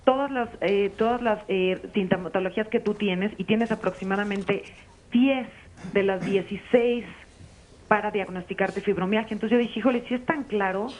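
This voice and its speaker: A woman's voice: mid-range voice, moderate pace, a little mellow, slight background noise. A woman, calling in over the phone to a live radio show and earnestly telling her story at length. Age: 40s. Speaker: caller. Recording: dull lo-fi phone line.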